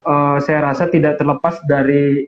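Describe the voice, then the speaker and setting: A man's voice: fairly high pitch, little pitch movement, normal speed. A man moderating an online discussion, heard over a call line, hesitant with many fillers. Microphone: video call. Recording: dull lo-fi call audio, faint noise.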